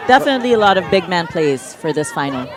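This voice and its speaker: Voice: medium pitch, big pitch swings, fast, crowd noise, background noise. A commentator at a live outdoor match who chats, adds stats and asides, and banters with the booth. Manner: chatty, gives stats and asides. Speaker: sports commentator.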